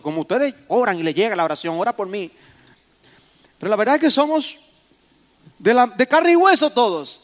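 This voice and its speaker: A man with a high-sitting voice preaches to his congregation, putting questions to them and building to loud, dramatic exclamations.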